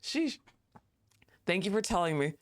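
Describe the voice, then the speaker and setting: With a very animated mid-range voice at a measured pace, a streamer muses aloud while gaming, laughing often and responding to the screen. The talk is loose, with fillers and restarts.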